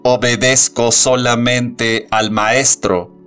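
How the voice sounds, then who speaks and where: Booming metallic robot prophet, read by a male narrator: solemn, unbending, very slow and resonant. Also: flat delivery, a bit bright, smooth, faint music behind. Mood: calm. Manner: slow, measured, preaching delivery. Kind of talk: audiobook narration.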